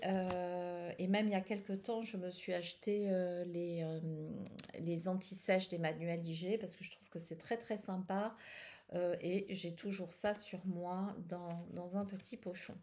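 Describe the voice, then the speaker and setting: A woman's voice: medium pitch, mellow. A middle-aged woman talking casually about her tarot decks, hesitant, with many fillers and restarts. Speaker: tarot channel host. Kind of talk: casual personal chat.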